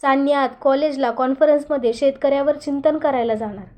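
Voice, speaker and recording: A woman storyteller giving a steady, earnest scripted narration of a short story. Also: sits high, fairly quick.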